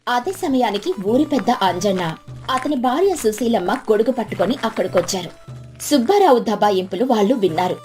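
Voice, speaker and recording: A woman's voice: fairly high pitch, lively intonation, fairly quick, darkish tone, soft background music. Woman narrating a moral story.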